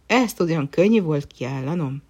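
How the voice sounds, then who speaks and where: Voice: mid-range voice, expressive, creaky, a little mellow, slightly rough. A storyteller voicing a lovesick, stubborn young prince who speaks earnestly, in a fairy-tale reading.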